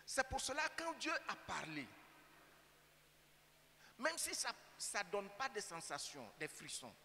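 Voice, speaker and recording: A man from Côte d'Ivoire, speaking with an Ivorian French accent, preaches as pastor in a church sanctuary, emphatic and full of rhetorical questions for the congregation. His high voice is pushed and bright, a little slow, with wildly swooping pitch, and the recording carries church-hall reverb and faint hum.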